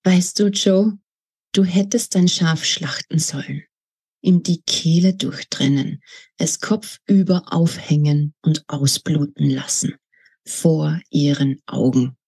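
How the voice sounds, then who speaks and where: A woman's voice: low-pitched, slow pace, dark tone, slightly rough, exaggerated voice. A woman voicing a spiteful, scornful young woman in a read-aloud novel, talking in a mocking, sneering way.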